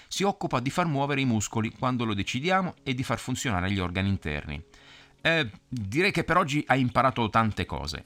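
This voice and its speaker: Male narrator, children's story, lower voice with a very lively pitch, gently explains to a child.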